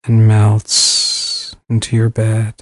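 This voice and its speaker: A man guiding a sleep meditation, speaking slowly and soothingly with long pauses. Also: on the low side, completely flat delivery, no echo. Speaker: meditation guide.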